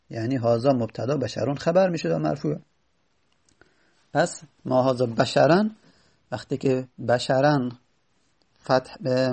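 Guy teaching grammar, kinda gravelly voice, slow and patient, repeats stuff. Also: medium pitch, a little mellow. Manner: patient, repeats examples slowly. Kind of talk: explaining lesson.

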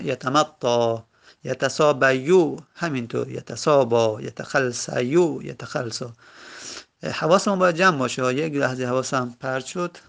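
Male teacher, slightly high, gravelly voice; slow, careful grammar explanations. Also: a bit bright. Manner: careful, drawn-out examples, corrects own slips. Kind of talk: explaining lesson.

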